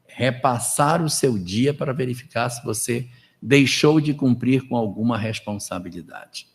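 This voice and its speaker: A man's voice: mid-range voice, measured pace. A man with a Brazilian Portuguese accent giving a spiritist lecture in a conversational way, checking in with tag questions and acting out people's inner thoughts.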